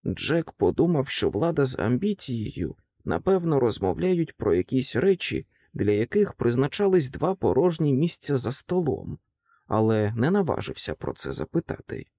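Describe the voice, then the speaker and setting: A male narrator reading a children's novel aloud, with a lively, rising and falling pitch. The recording is dry and close to the mic. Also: moderate pace, dry recording. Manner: expressive storytelling. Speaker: audiobook narrator. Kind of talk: scripted audiobook narration.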